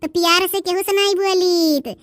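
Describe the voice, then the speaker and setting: A woman voicing a cartoon Awadhi village woman, very high shrill voice, haggling, complaining, dry close sound. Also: steady tone, moderate pace, dry recording. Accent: Awadhi, eastern Uttar Pradesh. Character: bargaining village woman, adult, loud and quarrelsome. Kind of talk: cartoon dub voice acting.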